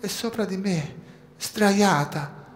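A man's voice: high-pitched, slow, roomy sound, pitched above the performer's own voice. A man voicing a frightened little girl trapped under rubble, in a faint, pleading, strained voice at a live outdoor reading. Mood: weak, frightened. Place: outdoor garden stage.

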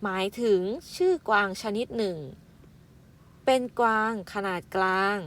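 A primary school teacher, a woman, reading out vocabulary syllable by syllable for young pupils, with gentle polite fillers and a motherly way of addressing them. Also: medium pitch, a little slow. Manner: spells out words syllable by syllable and adds polite "na kha" fillers. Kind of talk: slow, careful vocabulary lesson for young children.

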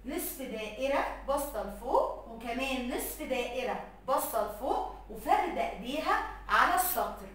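A woman with an Egyptian Arabic accent teaching letters to young children, slowly stretching out sounds and words. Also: sits high, lively intonation, fairly bright tone, heavy reverb, distant mic, slight background noise. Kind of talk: recorded lesson for young children.

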